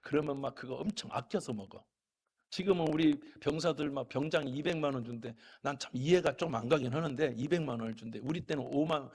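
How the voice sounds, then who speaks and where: Middle-aged man, pastor, sermon, folksy storytelling, loud exhortation then soft asides, gravelly voice, slightly high pitch. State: a little unwell.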